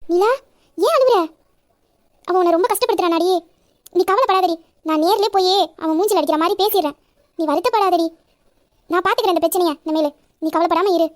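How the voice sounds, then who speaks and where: A woman voicing a caring, protective young village woman who questions her friend briskly and affectionately. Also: very high voice. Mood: worried. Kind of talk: Tamil village audio drama.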